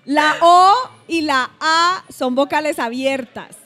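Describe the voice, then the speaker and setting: A woman's voice: sits high, slow pace, pushed and bright. A Colombian woman acting as team captain on a TV game show, firing quiz questions in teasing, exasperated banter. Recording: noisy crowd in the background.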